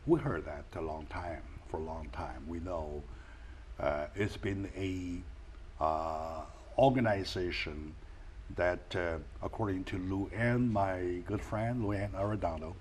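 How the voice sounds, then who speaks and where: A man hosting an interview show, speaking in a halting way with many fillers and restarts. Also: deep voice, darkish tone, a little hiss or hum. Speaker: talk show host. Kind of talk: casual interview.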